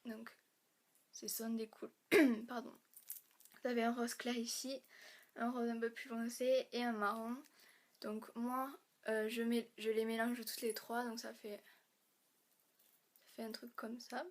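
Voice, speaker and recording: A young woman from France, chatting through a beauty haul vlog, halting with fillers and restarts, a little hoarse and clearing her throat as she loses her voice. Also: fairly high pitch, flat delivery. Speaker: beauty vlogger.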